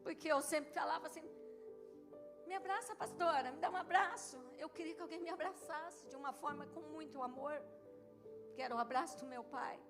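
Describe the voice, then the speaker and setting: Woman pastor preaching in church, high voice, music playing under her, gets loud and emphatic. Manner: emotional testimony, rising to loud emphatic peaks. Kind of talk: sermon. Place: church service.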